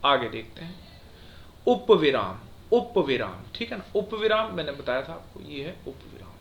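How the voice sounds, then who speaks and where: A man teaches a grammar lesson with a bright, forceful voice pitched a little high. He explains patiently and keeps checking that his students follow along. A faint hiss sits under the recording. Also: big pitch swings, brisk, gravelly, highs cut off.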